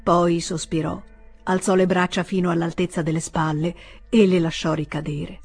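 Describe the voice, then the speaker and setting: A woman narrating a literary audiobook in a measured, even way. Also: lowish voice, slightly rough, faint music behind.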